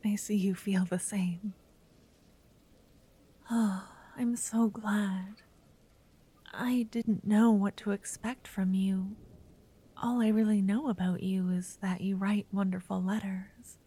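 A woman's voice: medium pitch, fairly even intonation, slow pace, pauses often, breathy edge. A woman voicing a shy, nervous young noblewoman in a whispered roleplay, stammering now and then. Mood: nervous whispering. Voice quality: soft whisper. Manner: hesitant, stammering.

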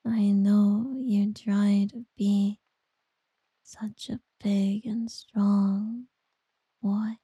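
A woman doing a whispered ASMR girlfriend roleplay, soft, teasing and doting. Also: medium pitch, little pitch movement, extremely slow, slightly rough, no echo.

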